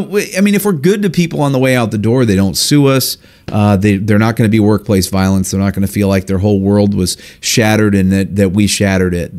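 A man's voice: lowish voice, a little mellow. A man giving a classroom lecture, talking emphatically, repeating words and acting out example lines. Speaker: instructor.

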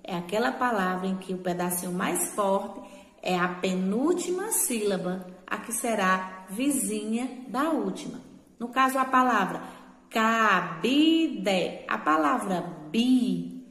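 A Brazilian woman teacher giving a remote lesson, talking patiently, repeating words slowly and checking in with short tag questions. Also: medium pitch, expressive, fairly bright tone. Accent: Brazilian Portuguese. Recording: echoey room with long reverb.

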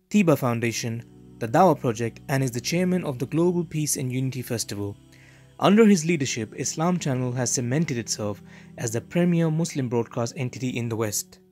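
A man's voice: mid-range voice, a little mellow. A polite male interview host who speaks deferentially and fills his gaps with hesitations. He sounds far from the mic in a strongly echoing room, with faint music behind. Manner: polite, deferential, many fillers. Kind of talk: hosted interview.

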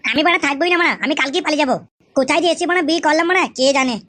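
A woman's voice: sits high, fairly bright tone. Woman voicing a hot-tempered young son-in-law. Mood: indignant. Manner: rapid, swearing, indignant rants.

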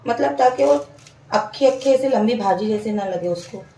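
A woman's voice: a little high, moderate pace, warm tone, slight background noise. A woman, casually narrating a home cooking vlog and explaining each step to her viewers. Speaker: home cook vlogger. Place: home kitchen. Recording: echoey kitchen, mic far off.

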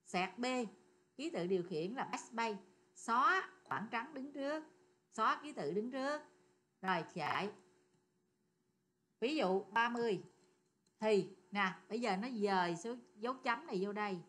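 A woman's voice: a little high, expressive, measured pace, long pauses, a bit bright. A woman teaching a programming lesson, chatty and often asking her students questions. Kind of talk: screen-recorded coding lesson.

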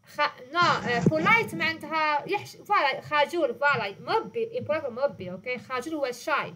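A woman's voice: high-pitched, animated, moderate pace, sharp tone, slight background noise. A woman with an Algerian Arabic accent teaching a class over a video call, patiently repeating and explaining.

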